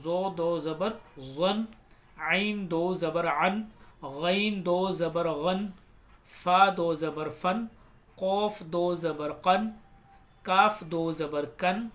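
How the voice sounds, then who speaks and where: A man teaching Quran reading, slowly drilling letter sounds one by one in a recitation lesson. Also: high voice, a bit bright. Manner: slow drawn-out letter-by-letter drilling.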